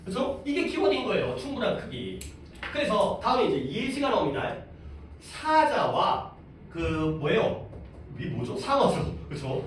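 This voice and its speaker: A man's voice: high voice, huge pitch swings, moderate pace. A male English teacher giving a classroom reading lesson, explaining step by step and putting questions to the class. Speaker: high school English teacher. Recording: echoey room, mic at a distance, faint background noise.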